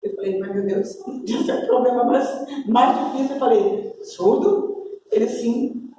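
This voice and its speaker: A Brazilian woman pastor preaching a sermon, telling a story with lively acted-out dialogue. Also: fairly high pitch, measured pace, slight background noise. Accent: Brazilian Portuguese. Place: church hall. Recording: echoey church hall, distant mic.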